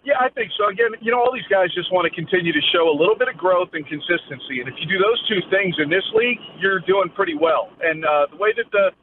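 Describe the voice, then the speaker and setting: A man's voice: high voice, expressive, quick pace, hardly any pauses. A man giving a live, conversational news field report as a sports reporter, phrasing his analysis loosely over a remote phone link. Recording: phone-like narrowband line with faint noise.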